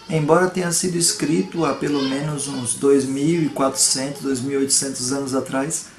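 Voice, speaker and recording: A man's voice: on the high side, creaky. A man from Salvador, Brazil, preaching a home video sermon with earnest emphasis and rhetorical questions. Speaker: pastor. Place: home room. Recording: echoey room, faint background noise.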